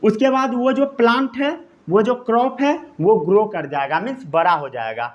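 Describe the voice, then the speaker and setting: A man teaches a science class in Hindi. He says the key terms slowly and repeats them, as if dictating notes. He checks often that his students are following. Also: sits high, dull audio. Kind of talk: classroom lecture.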